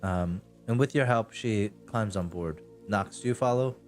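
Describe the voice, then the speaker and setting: A man with a fairly low voice narrates a tabletop game as game master. His storytelling is conversational and improvised, over faint music. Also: measured pace.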